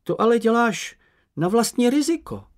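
Man putting on squeaky timid Sniff. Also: sing-song, heavily acted. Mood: fearful. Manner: squeaky, anxious, whiny. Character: small timid boastful male creature. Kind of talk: audiobook character voice.

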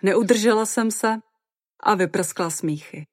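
A woman narrating a first-person audiobook in a lively, expressive way. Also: mid-range voice, dry recording, clean studio sound.

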